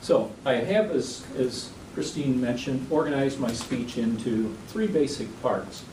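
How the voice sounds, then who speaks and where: Male podium speaker, mid-pitched, informal and wryly humorous, echoey noisy room recording. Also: a little slow. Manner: informal, self-deprecating humour. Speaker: club member giving a prepared speech. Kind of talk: podium speech to an audience. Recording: echoey room, distant mic, clear background noise.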